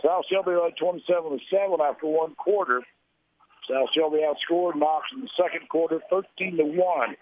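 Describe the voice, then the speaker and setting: Higher-pitched American sportscaster, thin radio sound. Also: male voice, normal speed, slight background noise. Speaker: play-by-play sports radio host. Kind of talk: live sports commentary, reading scores and statistics. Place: live from a high school tournament. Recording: thin narrow-band radio broadcast sound.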